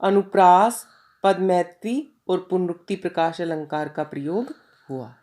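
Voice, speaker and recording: A woman teacher giving a lecture on Hindi devotional poetry, reciting each verse slowly and then explaining it line by line. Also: lowish voice, dark tone.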